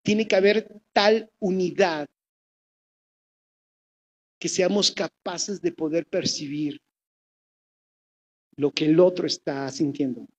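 A woman with a Mexican accent preaching a sermon, telling the story in a lively way and asking the congregation questions. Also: fairly low pitch, takes it slowly, pauses often, dull audio.

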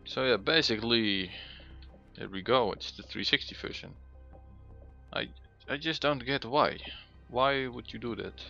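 A man's voice: medium pitch, unhurried, gravelly, sharp tone. A man giving casual gameplay commentary as the host, plain-spoken and given to mild swearing. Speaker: gaming host. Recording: dull, band-limited mic over music.

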